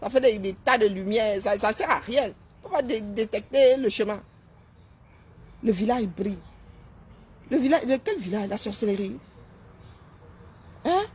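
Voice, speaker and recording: A woman's voice: medium pitch, unhurried, long pauses, a little mellow, breathy edge. Sarcastic woman live-streaming. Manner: sarcastic, mocking, keeps asking "hein?". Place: seated indoors.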